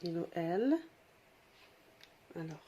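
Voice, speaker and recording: Slow-paced woman teaching children. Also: on the low side, expressive, warm tone. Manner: patient, slow dictation, switching into Algerian Arabic to explain. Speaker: primary school French teacher. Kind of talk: classroom lesson for children.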